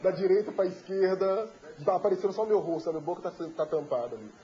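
Guesting on a talk show, a man from Belo Horizonte, Brazil shares an emotional story, bringing it to life by acting out the voices within it. He speaks fast and expressively in a high, warm voice, and the TV recording is dull and lo-fi.

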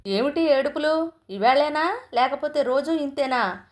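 A woman's voice: high voice, expressive, moderate pace, a bit bright. A woman voicing an indignant young mother who sharply scolds her mother-in-law in a storybook reading. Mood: accusing.

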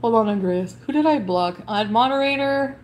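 A woman's voice: on the high side, normal speed, darkish tone, a little hiss or hum. A woman livestreamer in an angry, profane rant, hurling insults at her chat while blocking people.

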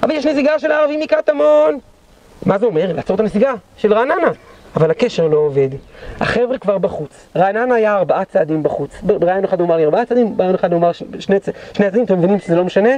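A man leading a guided history tour, telling battle stories dramatically and acting out the shouts of those involved. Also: high-pitched, animated. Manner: dramatic storyteller, acts out quoted shouts. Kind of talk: guided tour storytelling lecture. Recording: dull lo-fi recording.

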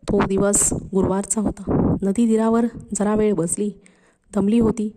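A woman narrating a devotional folk story slowly and expressively, voicing the characters' lines herself. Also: mid-range voice. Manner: slow, expressive reading with voiced dialogue.

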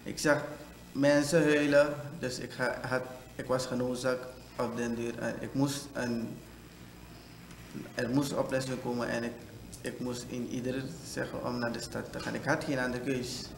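A man's voice: mid-range voice, flat delivery, a little slow. A man interviewed for a news report, giving a stumbling account. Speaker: company employee interviewed. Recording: echoey with clear background noise.

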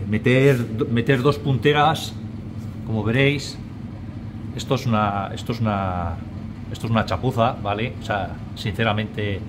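Here the electrician's voice is lowish, with background noise. This middle-aged man casually explains his work from a small restaurant back room via a first-person body camera, repeating words, calling viewers "chicos" and saying "¿vale?" often.

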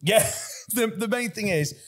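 A man's voice: high-pitched, lively intonation, measured pace. A man hosting a casual podcast, rambling and repeating words as he starts sentences, often laughing between lines. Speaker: podcast host.

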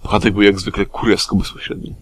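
A man narrating a crude comic parody story in a deadpan way. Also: lowish voice, fast talker.

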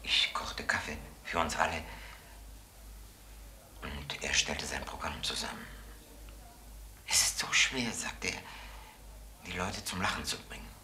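A hushed, low-voiced account. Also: female voice, unhurried, pauses often, reverberant, whispered, full character voice. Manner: quiet, hushed recollection. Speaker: narrator recalling events.

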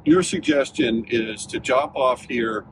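A man's voice: mid-range voice, measured pace. A man hosting a road trip vlog, talking casually and thinking aloud as he drives. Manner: relaxed, chatty, thinks aloud. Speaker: vlog host. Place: inside a car on the road. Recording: road noise in a moving car.

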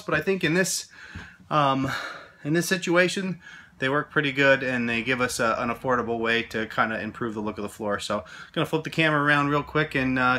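A man in his thirties giving a casual walkthrough of a camper, relaxed and full of fillers, filmed on a phone at arm's length. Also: mid-range voice. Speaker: vlogger host. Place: inside a small camper. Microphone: phone camera at arm's length.

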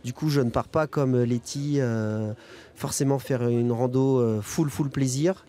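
At an outdoor event at a snowy ski resort, a young freeride skier chats as an interview guest into a reporter's handheld microphone. His mellow, medium-pitched voice keeps a measured pace, and his manner is casual, colloquial and hesitant.

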